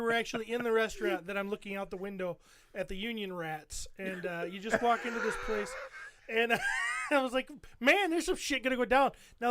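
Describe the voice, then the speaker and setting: A man's voice: sits high, a bit bright. A man co-hosting a podcast, casually telling a rambling trip story over photos and cursing a lot. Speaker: podcast co-host.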